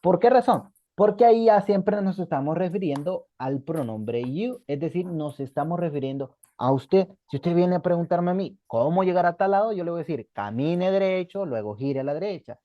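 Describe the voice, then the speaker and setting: A man's voice: fairly high pitch, lively intonation, normal speed, few pauses, no echo, lo-fi sound. A man teaching a beginner English class online in Spanish, patiently repeating examples and checking in with the students.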